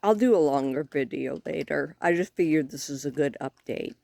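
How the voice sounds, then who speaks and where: A woman chatting casually in a vlog, with a slight lisp and careful, halting speech as she talks around newly fitted false teeth. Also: low-pitched, creaky, warm tone. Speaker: vlogger giving a personal update.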